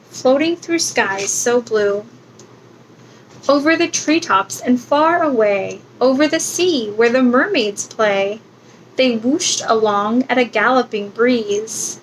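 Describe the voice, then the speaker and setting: Slow, gentle woman reading storybooks. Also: on the high side, slight background noise, low-quality recording. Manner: slow, gentle bedtime reading with sound effects. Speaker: children's book reader. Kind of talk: reading picture books aloud.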